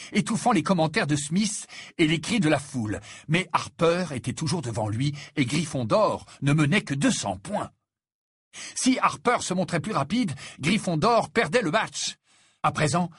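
Expressive male audiobook narrator. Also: breathy edge, no room sound, clean studio sound. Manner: expressive, raises pitch for dialogue. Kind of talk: audiobook narration with character voices.

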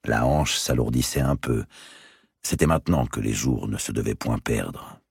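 Very deep gravelly male narrator. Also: moderate pace, dry recording, studio quality. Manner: expressive, dramatic reading. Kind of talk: audiobook reading of a historical novel.

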